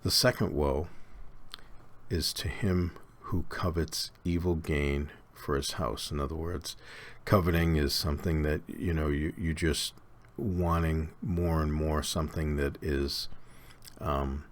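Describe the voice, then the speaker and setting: A man with an extremely low voice gives a Bible study lecture. He talks at an easy, conversational pace, pausing with fillers and restarting phrases as he explains. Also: steady tone. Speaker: Bible teacher.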